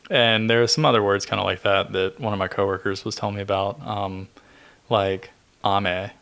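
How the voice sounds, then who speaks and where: Gravelly low-voiced man chatting casually. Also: normal speed. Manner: relaxed, rambling, many fillers. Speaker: podcast co-host. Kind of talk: casual chat.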